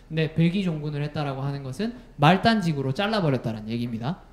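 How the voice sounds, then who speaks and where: A man giving a storytelling history lecture, animated and asking the audience questions. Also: a little high. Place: lecture hall. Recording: echoey lecture room.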